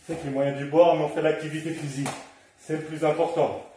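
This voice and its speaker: A man teaches a home workout in a room at home, encouraging, counting down and coaching moves while exercising along, slightly out of breath. His fairly high, mellow voice is flat and a little fast, with a little hiss or hum; the room is very echoey and the mic far off.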